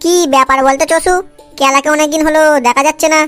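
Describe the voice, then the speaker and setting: A woman's voice: high-pitched, little pitch movement, fast, fairly bright tone, soft background music. Woman voicing a gossipy cartoon pal. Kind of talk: cartoon comedy voice acting.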